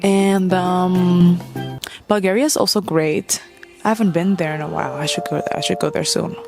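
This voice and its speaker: A woman's voice: fairly low pitch, steady tone, normal speed, vocal fry. Young woman from Mozambique, singer hosting a casual Q&A vlog, playful and chatty, faint music underneath. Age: young adult. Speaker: singer-songwriter.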